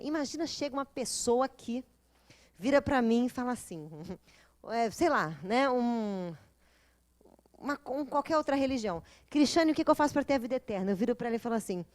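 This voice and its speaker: A Brazilian woman with a high, bright voice teaches an evening course in a relaxed, chatty way. She tells stories with humor and jumps into little acted voices for the people she quotes. Her Brazilian accent runs through the whole lecture. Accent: Brazilian Portuguese. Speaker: lecturer of a spiritist psychology course. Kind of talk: informal classroom lecture with storytelling.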